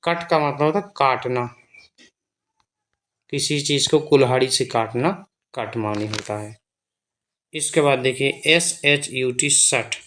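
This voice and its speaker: A man's voice: medium pitch, slow, pauses often, a bit bright, slight background noise. A man teaching beginners to read English words in a Hindi accent, spelling each word letter by letter and repeating its meaning. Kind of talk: slow spelling and reading lesson.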